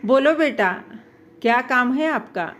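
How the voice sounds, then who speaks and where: A woman reading as a calm, stern dance guru. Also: high voice. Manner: calm, measured, pushing firmly. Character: calm, stern older male dance teacher.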